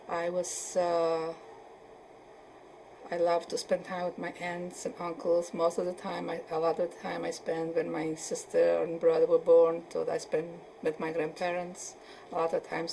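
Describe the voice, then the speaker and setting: A woman in her seventies from Poland, answering questions in an oral history interview and often pausing to search for words. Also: fairly low pitch, vocal fry, dark tone, a little hiss or hum, poor audio. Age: 70s. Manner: hesitant, searching for words with many fillers.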